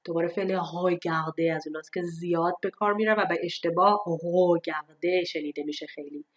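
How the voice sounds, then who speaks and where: Woman teaching French sounds slowly. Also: lowish voice, steady tone, fairly bright tone. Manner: explains clearly, then says French words slowly and carefully. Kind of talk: online language lesson.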